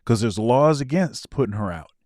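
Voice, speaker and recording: A man co-hosting a casual reaction chat, working through his points slowly and circling back on his own words. His voice sits in a middle pitch. It sounds dry and close, with no room echo. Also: animated, a little mellow. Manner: rambling, repeats words while explaining. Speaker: co-host.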